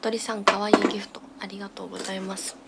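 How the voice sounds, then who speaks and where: Young female streamer, casual and absent-minded, murmuring fragments at home into a phone with clear background noise. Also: medium pitch, little pitch movement, racing. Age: young adult. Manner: absent-minded muttering in short fragments to herself and viewers. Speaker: live streamer. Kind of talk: casual livestream chat while doing makeup. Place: small room at home, indoors. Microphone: phone at arm's length.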